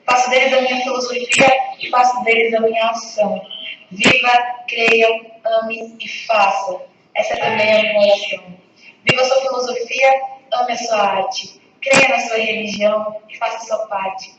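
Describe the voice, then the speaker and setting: A woman reciting a poem in a measured, rhythmic way. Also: on the high side, fairly even intonation. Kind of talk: poetry recitation. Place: university lecture room. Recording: echoey hall, distant, dull, noisy.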